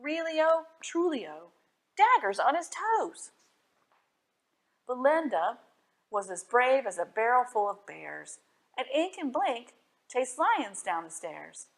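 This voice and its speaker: Reading slowly in a fairly high voice, a woman shares children's stories and poems during library storytime. She delivers them with expression and puts questions to the young kids listening.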